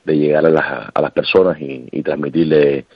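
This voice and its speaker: A Cuban man in his thirties, a restaurant owner and singer, talking relaxed and chatty in a radio interview, with many restarts. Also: rumbling low, normal speed, slightly rough, no echo. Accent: Cuban Spanish. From Cuba. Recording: dull, lo-fi phone line.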